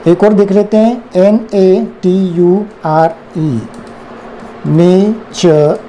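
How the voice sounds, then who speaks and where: A man's voice: sits high, steady tone, drawn-out words, warm tone, a little hiss or hum. A man with an Indian accent teaching English phonics, spelling words letter by letter and repeating them. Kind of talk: slow explanatory phonics lesson.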